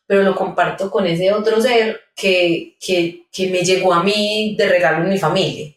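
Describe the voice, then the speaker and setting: Woman calmly explaining parenting advice. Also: lowish voice, normal speed. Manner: explanatory, gives calm step-by-step advice. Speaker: guest pedagogue. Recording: roomy sound, mic at a distance.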